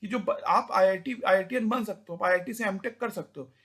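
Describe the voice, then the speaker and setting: A young man giving an informal talk, rambling with many restarts and repeated words, and now and then taking on a rough rustic voice to act out village elders. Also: high voice, brisk, a bit bright.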